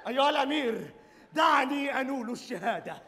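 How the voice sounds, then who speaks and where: An actor playing a bumbling militant sidekick in a live stage comedy, speaking stilted formal lines and shouting for comic effect. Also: male voice, very high voice, animated, fast, slight background noise, heavily acted. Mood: pompous. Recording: stage mics in a hall, crowd.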